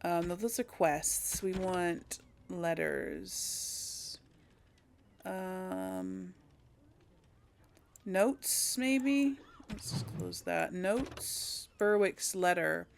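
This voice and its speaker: Her lowish voice swings widely in pitch, moves extremely slowly, and carries vocal fry, with slight background noise in the clip. She's a game streamer role-playing for viewers, hesitantly thinking out loud in casual commentary.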